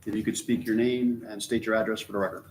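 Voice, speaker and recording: A man's voice: on the low side, steady tone, fast talker. Man chairing a meeting, faint noise behind. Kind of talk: formal meeting moderation. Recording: noisy meeting room ambience.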